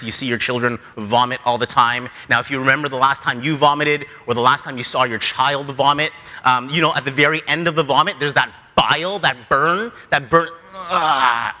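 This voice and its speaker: A man preaching a sermon in an animated storytelling way, acting out characters' lines. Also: medium pitch. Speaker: pastor. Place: large church sanctuary. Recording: long hall reverb.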